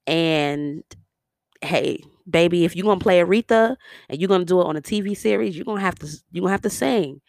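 A New York-accented vlogger talking through a review in a loose, chatty way. The delivery is animated and sassy, full of slangy asides to the audience. The sound is dry and close, with no room around it. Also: medium pitch, vocal fry, dry recording. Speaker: vlogger reviewing a biopic series. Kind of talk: casual opinion commentary.

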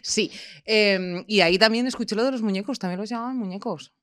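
A woman's voice: medium pitch, fairly quick, dry recording, studio quality. A woman who is a guest on a podcast, chatting casually and bluntly, swearing freely and laughing often.

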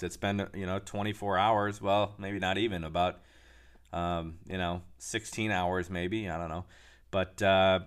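Male commentator, slightly low voice, talking off the cuff with sarcastic jabs and frequent ums. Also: a bit bright, clear, resonant tone. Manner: sarcastic, mocking, halting with many fillers. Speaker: political commentator. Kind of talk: casual monologue commentary.

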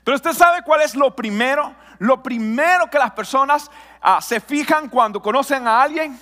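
Man, pastor, lively sermon, high voice, long hall reverb. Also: moderate pace. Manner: lively, talks with an audience, asks questions and jokes.

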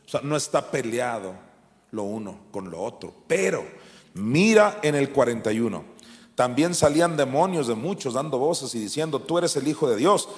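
A man preaching a sermon, swinging from shouted commands down to quiet, low asides. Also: animated, moderate pace. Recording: long hall reverb.

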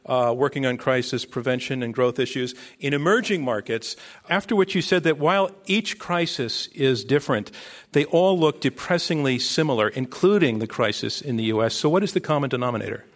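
A man's voice: mid-range voice, animated, fairly quick. A man hosting a live debate on stage as moderator, introducing and questioning guests, with an audience behind him.

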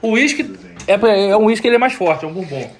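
Fast, high-voiced Brazilian man bantering. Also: expressive, slight background noise. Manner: loud, laughing, swears a lot. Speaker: podcast guest, barbecue cook. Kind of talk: casual podcast chat.

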